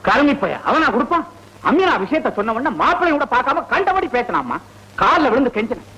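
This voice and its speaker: A man's voice: very high voice, very animated, fast talker, bright, forceful tone, full character voice, rough recording. An actor playing a hot-tempered middle-aged father who scolds and blusters in old film dialogue. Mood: angry.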